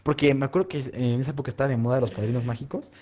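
A man with a Mexican accent telling a story in casual chat, animated and full of slang, acting out voices as he goes. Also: mid-range voice, rapid-fire. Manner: animated, heavy slang, acts out voices in anecdotes.

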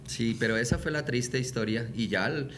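A man with a Colombian accent telling a personal story in a casual podcast chat, animated and laughing often. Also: mid-range voice, normal speed, slight background noise. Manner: animated, laughs often, acts out voices in his anecdotes.

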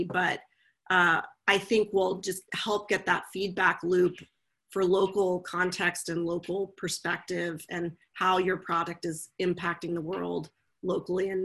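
A woman's voice: on the low side, creaky, bright, forceful tone, breathy edge. A woman who leads a legal team at a tech company, speaking thoughtfully on a panel over a video call and often restarting her sentences. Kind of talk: panel discussion.

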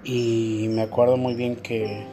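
A man's voice: medium pitch, level tone, takes it slowly, dark tone, a little hiss or hum. Mexican man telling a personal story. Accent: Mexican Spanish. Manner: candid, emotional storytelling with slang. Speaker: co-host. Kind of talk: casual chat.

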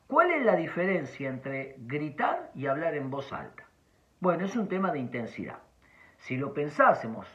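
A man with an Argentine accent giving a calm, explanatory advice talk. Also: a little high. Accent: Argentine Spanish. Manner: calm, explanatory, varied emphasis. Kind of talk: talking-head advice talk. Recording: dull lo-fi sound.

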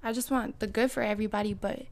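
Woman, podcast guest, relaxed slangy talk, vocal fry, mid pitch. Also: quick pace, a little hiss or hum. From born in Russia, raised in Canada. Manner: slangy, laid-back, many fillers. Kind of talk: casual chat.

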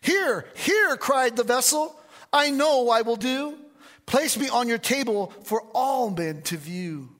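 A man voicing a loud, pushy brass vessel. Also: very high-pitched, animated, slow, in a large hall, pitched above the performer's own voice, full character voice. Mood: eager. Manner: pushy, attention-seeking. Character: loud, shallow brass vessel, eager to be shown.

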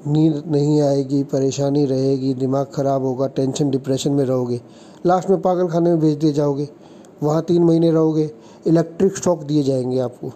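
A man speaking in a deep, mellow, very dark tone, lecturing earnestly on relationships. He walks through example stories and acts out the lines people said. A faint noise sits under his voice. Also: fairly even intonation, moderate pace. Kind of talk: advice talk with example stories.

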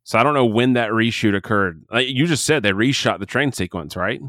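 Male co-host, low voice, candid rambling movie chatter, hiccups, dry close sound. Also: fairly quick, a bit bright, no room sound. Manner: rambling, self-interrupting, candid. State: has the hiccups. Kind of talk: casual movie review chat.

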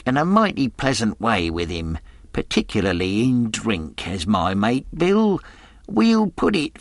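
A man's voice: on the low side, fairly bright tone, dry recording, heavily acted. A man voicing a sinister middle-aged pirate who talks in a half-fawning, half-sneering drawl. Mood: leering. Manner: leering, wheedling drawl.

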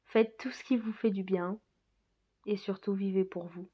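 A woman's voice: mid-range voice, steady tone, a little slow, slightly rough. Musing woman in a dull recording. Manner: musing, rambling, laughs often. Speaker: podcast host. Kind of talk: casual reflective monologue.

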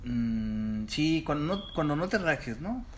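A man with a Mexican accent co-hosting a casual podcast chat, animated and fond of mimicking regional ways of speaking. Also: fairly high pitch, takes it slowly, a little hiss or hum. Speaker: podcast co-host.

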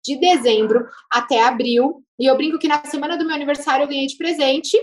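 A woman with a Brazilian Portuguese accent, a speech therapist telling her own story as a guest in a casual interview, chatty and lively, laughing now and then. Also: sits high, a little fast.

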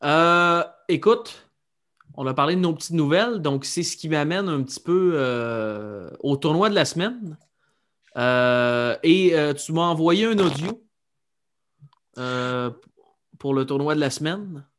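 A man's voice: on the high side, expressive, measured pace, fairly bright tone. A man with a Québécois accent co-hosting a golf podcast in a casual, chatty style. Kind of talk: casual sports chat.

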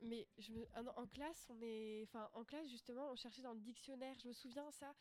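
A woman's voice: on the high side, fairly even intonation, fairly quick, darkish tone, no echo. A young woman tells a story in a class discussion, rambling and restarting often. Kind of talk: casual discussion.

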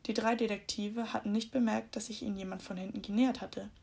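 A woman reads a children's story aloud in a calm, storytelling manner. Her voice has a gravelly fry running through it. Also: medium pitch, quick pace. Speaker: audiobook narrator. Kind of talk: scripted children's story narration.

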